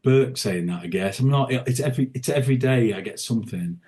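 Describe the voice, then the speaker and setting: At medium pitch, brisk and a little mellow, this man talks casually on a podcast about his work as a tribute singer. The interview chat wanders, with frequent fillers and restarts.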